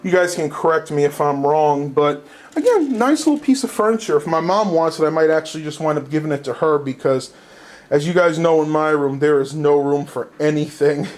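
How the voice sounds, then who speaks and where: A brisk man with a voice on the high side shows viewers the vintage cassette tapes he collected. Indoors at home, he rambles casually and without a script, using colloquial speech and thinking aloud as he holds things up.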